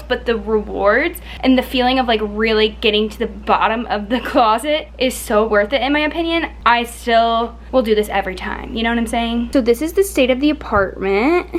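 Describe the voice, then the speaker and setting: A woman's voice: a little high, moderate pace, slight background noise. A young woman chatting casually and self-deprecatingly as she cleans out her apartment closet, talking to herself and her viewers. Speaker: lifestyle vlogger. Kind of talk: casual vlog voice-over and talk while cleaning.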